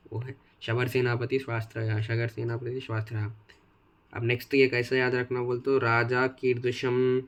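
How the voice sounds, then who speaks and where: A young man with a Hyderabadi Dakhini accent talks through exam tricks in a casual, chatty way. His pitch sits mid-range and barely moves, so his delivery sounds flat. He drills each memory phrase by chanting it again and again. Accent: Hyderabadi Dakhini Hindi. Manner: repeats key phrases over and over as chants; chatty, self-mocking. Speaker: tutor. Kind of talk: casual exam-tips lesson.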